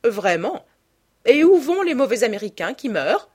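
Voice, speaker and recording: A woman voicing an effusive high-society old duchess, exclaiming and gushing. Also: very animated, moderate pace, a little mellow.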